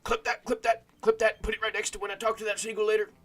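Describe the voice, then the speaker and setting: A man streamer giving goofy, rambling gaming commentary with bursts of shouting, with game music faint behind. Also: high-pitched, flat delivery, fast.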